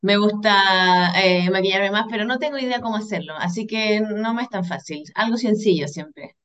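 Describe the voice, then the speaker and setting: A woman's voice: mid-range voice, normal speed, fairly bright tone, dull audio. A woman from southern Chile, a guest anthropologist, answering questions hesitantly with many fillers. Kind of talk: casual interview.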